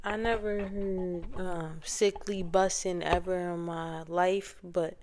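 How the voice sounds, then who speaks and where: A woman's voice: on the low side, steady tone, takes it slowly, a little mellow, a little hiss or hum. A woman with a Philadelphia accent giving casual, slangy reaction commentary as the host of a video. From Philadelphia area, USA. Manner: informal, slangy.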